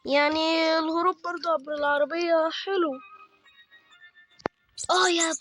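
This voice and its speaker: A man's voice: extremely high pitch, steady tone, normal speed, fairly bright tone, soft background music. A man with an Egyptian Arabic accent doing let's-play horror game commentary, chatty with viewers and yelping at sudden frights. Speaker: gaming YouTuber.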